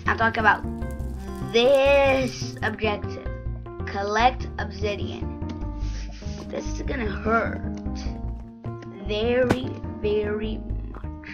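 A woman's voice: medium pitch, steady tone, slow pace, long pauses, over music. A woman hosting a gaming channel, giving casual gameplay commentary with sarcastic, grumbling asides.

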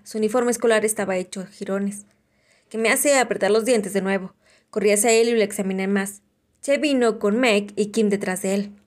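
A woman reading a novel aloud in a steady, plain storytelling manner. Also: medium pitch. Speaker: reader.

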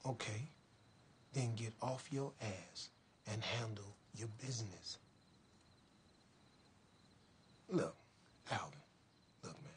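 A man's voice: on the low side, expressive, unhurried, slight background noise. A middle-aged actor with an American accent playing a proud, plain-spoken father in a film drama. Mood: firm, encouraging. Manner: plain-spoken, heartfelt, colloquial. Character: earnest, proud father counseling his teenage son. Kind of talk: naturalistic film drama acting.

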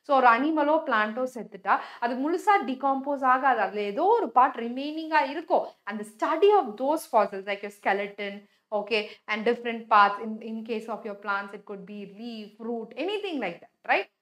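A young woman, a native Tamil speaker with a South Indian accent, lectures like a classroom teacher in a high voice. She talks extremely fast and emphatically, repeating key words and tossing in short check questions. The room around her voice sounds noticeably echoey. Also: lively intonation, a bit bright. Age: young adult. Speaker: biology teacher. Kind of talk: animated classroom lecture, reading and explaining slides. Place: indoor teaching studio with a display board.

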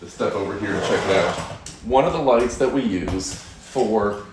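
A man's voice: lowish voice, normal speed. A man in his thirties hosting a live product review from his home studio, upbeat and salesy, calling his viewers folks. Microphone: fixed camera, moves around the room. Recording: roomy home studio echo, faint noise.

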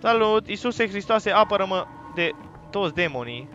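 A man giving loud, profane let's play commentary on a horror game, talking to his viewers and yelping at scares. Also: sits high, animated, muffled recording, a little hiss or hum. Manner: jumpy, profane, loud outbursts; talks to viewers while playing. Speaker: gaming YouTuber.

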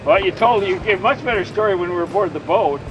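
Out on a marina dock by the water, an older man films an interview he's hosting, chatting, teasing and offering tips. He talks fast in a voice that sits high, captured in dull audio over a noisy background.

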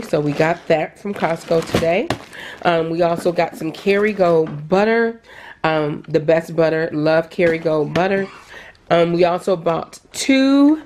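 Chatty middle-aged woman, low voice. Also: a little hiss or hum. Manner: chatty, excited, addresses viewers as "you guys". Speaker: vlogger. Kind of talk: casual shopping vlog and haul. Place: store aisles, then at home.

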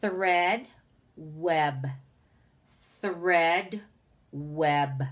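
Woman teacher, phonics lesson for young children; slow, deliberate, encouraging delivery. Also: low-pitched. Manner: slow, carefully enunciated, encouraging.

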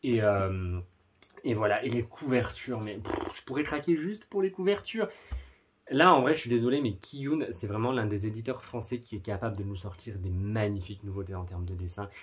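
A man's voice: on the low side, lively intonation, moderate pace, a little hiss or hum. A man giving a casual video review of manga, gushing with superlatives and adding apologetic asides.

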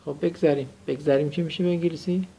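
A man's voice: on the high side, steady tone, gravelly, warm tone, a little hiss or hum. A young adult man teaching a classroom vocabulary lesson, explaining grammar and having students repeat phrases after him. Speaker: English teacher.

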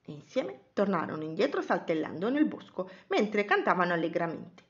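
Animated woman reading a children's story. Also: lowish voice, normal speed, highs cut off.

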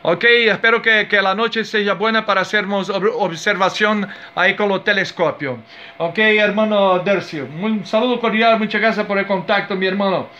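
A Brazilian amateur radio operator with a Brazilian Portuguese accent makes a friendly, casual ham radio contact and gives call signs. His voice sits high and sounds pushed and bright, with the highs cut off, at a moderate pace, and his manner is cordial.

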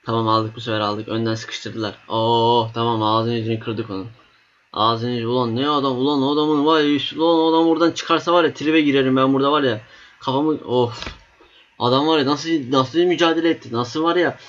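A young man giving excited, swear-laden commentary while playing a battle simulator game, cheering on his units. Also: medium pitch, a little fast. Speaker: gaming YouTuber. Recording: slightly dull lo-fi mic.

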